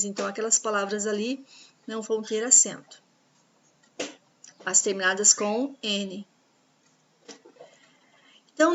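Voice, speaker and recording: A woman teaching a grammar lesson, patiently explaining rules and spelling out examples slowly. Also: fairly high pitch, fairly bright tone, slight background noise. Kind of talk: grammar lesson over slides.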